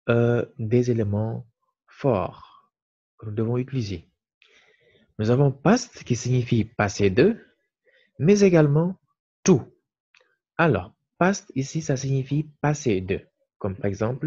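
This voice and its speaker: Male teacher, unhurried and patient, repeats each key word; slightly raspy voice. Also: medium pitch, mellow. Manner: slow and deliberate, repeats key words. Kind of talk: explaining lesson to viewers. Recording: muffled lo-fi recording.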